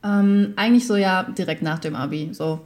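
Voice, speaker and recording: A woman's voice: on the low side, normal speed, darkish tone. A teenage girl as podcast guest in casual chat, hesitant and thoughtful, with many fillers. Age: teens.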